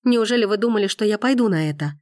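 A woman's voice: on the high side, lively intonation, moderate pace, no room sound, clean studio sound, voice pushed up, close to an everyday voice. A woman voicing a furious, hurt young woman who pleads near tears. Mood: accusing. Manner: impassioned, rising, near tears.

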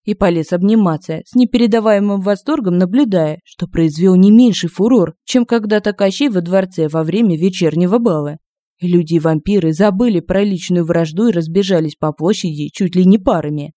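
A woman narrating a humorous fantasy audiobook in an expressive, lively storytelling manner, recorded on a close home-studio mic. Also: lowish voice, a little fast, dry recording.

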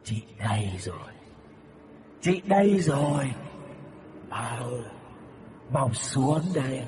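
A man voicing an eerie drowned newborn ghost child who slowly coaxes someone down into a well. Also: mid-range voice, very animated, background noise. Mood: eerie coaxing. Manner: slow, beckoning, sing-song.

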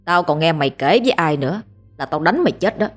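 A woman's voice: on the low side, fairly quick, faint music behind, lightly acted. A woman voicing a harsh, abusive, often drunk husband who scolds coarsely. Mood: shouting.

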